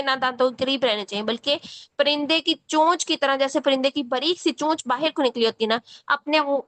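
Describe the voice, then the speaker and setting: A woman with a Pakistani Urdu accent leads a recitation lesson in a high voice. She explains patiently and models each syllable slowly. The recording is close and dry, with no room sound. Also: a bit bright, no echo. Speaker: Quran recitation teacher. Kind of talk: spoken tutorial lesson.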